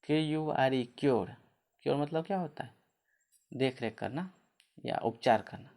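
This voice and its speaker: A man's voice: mid-range voice, creaky, darkish tone. A man teaching English spelling and pronunciation rules, asking questions and answering them himself while spelling words out letter by letter.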